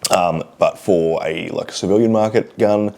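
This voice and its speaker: A man's voice: low-pitched, moderate pace, mellow. An Australian man hosting a hunting channel, who reads out viewer comments and answers questions in a blunt, sardonic and heavily profane way. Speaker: host of a hunting and shooting channel. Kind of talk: casual vlog, reading comments and answering questions.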